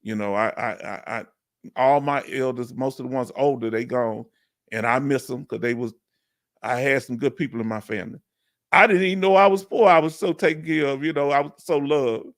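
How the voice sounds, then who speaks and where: The livestream host, a middle-aged man from Houston, Texas by his accent, fields questions in a casual, chatty manner and laughs frequently. His voice is mid-range and a little fast.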